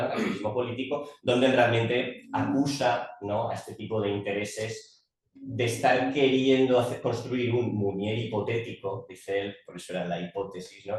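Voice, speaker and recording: A man giving an academic talk as a conference speaker, discursive and often adding tag questions. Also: lowish voice. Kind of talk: academic talk, spoken semi-freely. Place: conference room. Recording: very echoey room, distant mic.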